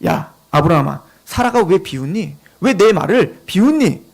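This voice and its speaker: A man's voice: sits high, moderate pace, voice pushed down, full character voice. A man voicing God as a firm, insistent divine father in a sermon retelling. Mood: scolding. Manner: steady, reassuring, insisting.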